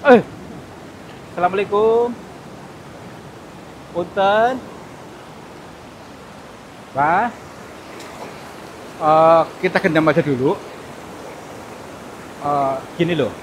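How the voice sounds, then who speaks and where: A high-pitched man talks in a hushed, nervous way as he hunts for spirits outdoors at night. He pleads and repeats the same words again and again. A loud rumbling noise runs underneath the whole recording. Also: extremely slow, long pauses. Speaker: mystic vlogger. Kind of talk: hushed ghost-hunting commentary.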